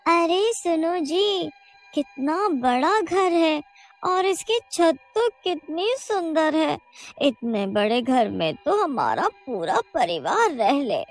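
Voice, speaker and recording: A woman voicing an excitable young village wife who exclaims shrilly and panics easily. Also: high-pitched, takes it slowly, soft background music, voice pushed up, full character voice. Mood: amazed.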